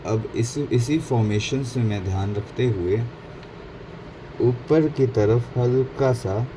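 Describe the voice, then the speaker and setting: Here a man with a mid-range voice takes his time narrating an informal painting lesson. He blends Hindi with English, corrects himself as mistakes slip out, and is recorded over a faint hum of background noise.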